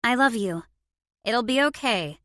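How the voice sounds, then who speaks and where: A woman's voice: on the high side, lively intonation, unhurried, bright, forceful tone, dry recording, clean studio sound, voice pushed up. A woman voicing a fiery, protective young mother in an audiobook, brash and outspoken. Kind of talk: audiobook character voice.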